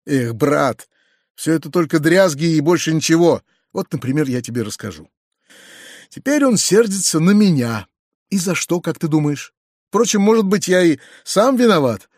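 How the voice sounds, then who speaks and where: A man voicing a kind, excitable middle-aged uncle who gushes, hurries and stammers. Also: on the high side, normal speed, no room sound, studio quality. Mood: fretful.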